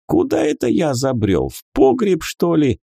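A man's voice: on the high side, wildly swooping pitch, unhurried, vocal fry, warm tone, breathy edge, no echo, studio quality, voice pushed up, exaggerated voice. A man voicing an old, drunken, cocky male archmage in a storybook, with a boozy, mocking manner. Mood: mock-surprised.

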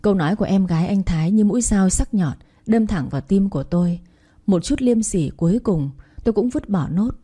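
A woman's voice: medium pitch, animated, a little fast, dark tone, breathy edge. Plaintive young woman telling her story. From Thanh Hóa, Vietnam. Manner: plaintive, emotional. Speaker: narrator. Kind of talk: first-person storybook narration.

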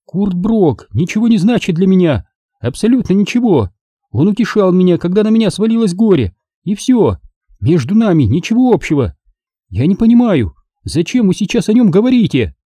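A man putting on a shrill, flustered rich woman. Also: lively intonation, normal speed, dark tone, dry recording, clean studio sound. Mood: indignant. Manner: shrill, indignant, easily flustered. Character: anxious scheming wealthy middle-aged woman. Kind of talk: audiobook character reading.

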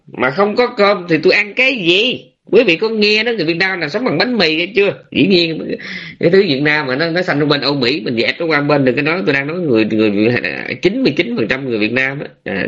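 A man, a Buddhist monk giving a dharma talk with drawn-out phrases, many hesitant fillers and rhetorical questions to his listeners. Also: a little high, expressive, a bit bright, dull audio. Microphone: online room.

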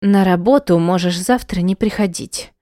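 Cold, threatening young wife, put on by a woman reader; sharp, hissing delivery, raised voice. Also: fairly low pitch, moderate pace, no echo, studio quality, lightly acted. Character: spiteful rich young wife, cold and domineering.

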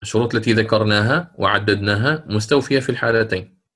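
A man teaching Quran recitation rules. He explains them step by step, drawing out the recited examples slowly and often checking with his students. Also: lowish voice, fairly bright tone. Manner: slow, drawn-out recitation of examples between plain explanation; asks check questions of students. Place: lesson recorded for an online institute.

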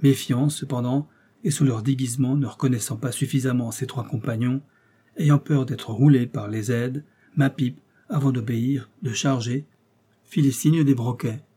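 A man giving steady, measured audiobook narration of a classic novel. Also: mid-range voice, breathy edge.

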